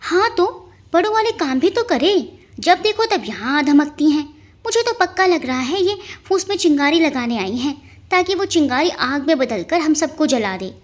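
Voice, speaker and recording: A woman's voice: high-pitched, big pitch swings, moderate pace. A woman voicing a cheeky young woman who grumbles and complains in a storybook reading. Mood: grumbling.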